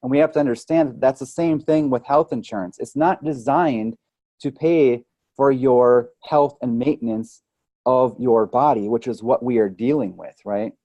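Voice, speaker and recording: A chiropractic or holistic health practitioner, guesting on a podcast, has a medium-pitched, mellow voice and talks at a moderate pace with no echo. He explains concepts conversationally with analogies and regularly checks in by saying "right?"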